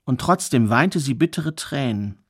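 A male storyteller recounts a fairy tale in a measured, expressive voice. He paces the story with pauses for effect and lets his voice rise on the dramatic turns. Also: medium pitch, slightly rough.

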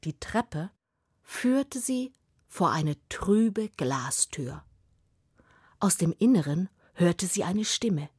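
A woman telling a fairy tale aloud, slow and expressive, sometimes dropping to a whisper. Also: on the low side, husky, dry recording, clean studio sound. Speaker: storyteller.

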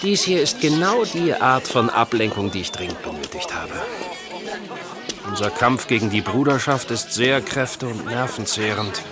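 An actor playing a worn-out brother recovering from captivity, speaking in a tired, earnest way in an audio drama. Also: male voice, mid-range voice, animated, normal speed, crowd noise, close to an everyday voice. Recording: music behind.

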